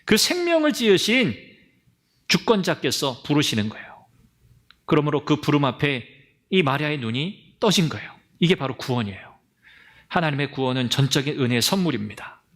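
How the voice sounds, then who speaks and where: A male pastor delivers a Sunday sermon as vivid storytelling. His voice sits a little high and swings widely in pitch. He often addresses the congregation directly and acts out the lines of the people in the story. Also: moderate pace. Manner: animated storytelling, acting out quotes.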